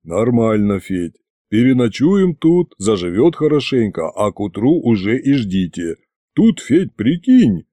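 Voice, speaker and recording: A man's voice: mid-range voice, big pitch swings, measured pace, dark tone, no echo. A man reading an audiobook voices a tired, wounded male dragon who sighs and talks wearily. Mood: weary. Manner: weary, sighing.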